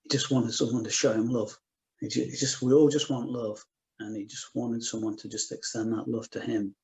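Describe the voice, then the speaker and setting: A middle-aged man giving a gentle personal testimony at a spiritual meeting, circling back and repeating himself as he speaks. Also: mid-range voice, flat delivery, a little fast, rough recording. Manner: soft-spoken, many restarts and repeated "just". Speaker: guest speaker.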